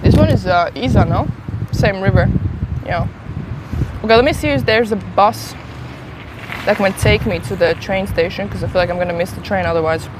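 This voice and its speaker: A travel streamer with a mid-range voice and a slight Swedish accent chats casually with her viewers at a moderate pace, holding her phone at arm's length on a city street. She's chatty and self-deprecating, eating as she talks to chat, while traffic and street noise fill the background.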